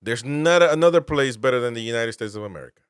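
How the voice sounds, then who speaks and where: A man's voice: mid-range voice, expressive, fast, clean tone, no room sound, clean studio sound. A man from Peru, host and military veteran, giving political commentary with emphatic, incredulous rhetorical questions.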